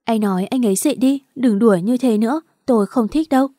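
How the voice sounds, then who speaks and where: A heartbroken young woman begs through her tears in a storybook romance, as a woman narrator puts her on. Her voice stays mellow and soft-edged, and it is recorded close and dry. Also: a little high, quick pace, dry recording, close to an everyday voice. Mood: upset. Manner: tearful, pleading. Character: grief-stricken young woman pleading with her lover.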